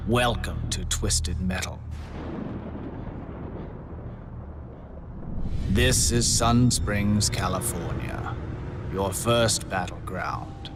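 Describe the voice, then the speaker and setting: In a video game, an actor plays a contest host, a suave and gleefully morbid contest master briefing the players with deliberate, silky menace. His voice is male and low, and music plays in the background.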